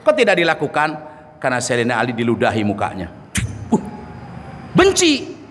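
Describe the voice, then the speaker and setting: A man preaching a lively mosque lecture, acting out dialogue in shifting voices and joking with the audience. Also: medium pitch, fast. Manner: animated storyteller, acts out dialogue in shifting voices; jokes and laughs with the audience. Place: mosque hall. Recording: reverberant mosque hall, faint noise.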